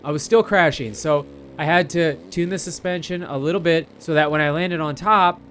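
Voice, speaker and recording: A man with a slightly high, steady, fairly bright voice talks at a normal pace, with a little hiss or hum in the background. He's a gamer narrating his gameplay, rambling casually and chatting informally straight to his viewers.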